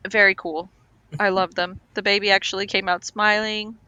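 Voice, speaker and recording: Woman, casual podcast co-host, rambling storyteller, mid-pitched, dry sound. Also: little pitch movement, moderate pace, bright, forceful tone, clear, resonant tone, no echo, highs cut off. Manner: chatty storytelling, many "like" fillers. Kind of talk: casual chat.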